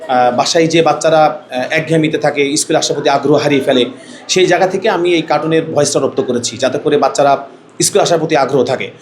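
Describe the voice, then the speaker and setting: A man's voice: a little high, fast talker. A man, a head teacher, answering an interview earnestly with frequent hesitations.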